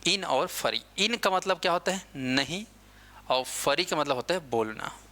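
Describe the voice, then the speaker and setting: A man's voice: on the high side, lively intonation, measured pace, pushed and bright. A male teacher giving a lecture, asking his class questions and answering them himself, with English words mixed in. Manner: asks questions and answers them himself, repeats key points.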